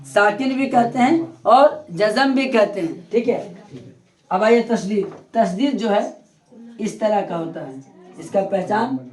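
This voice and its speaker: A man's voice: sits high, lively intonation, takes it slowly. A male teacher giving a classroom grammar lesson, repeating terms and quizzing his students. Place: classroom with a board. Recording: echoey classroom.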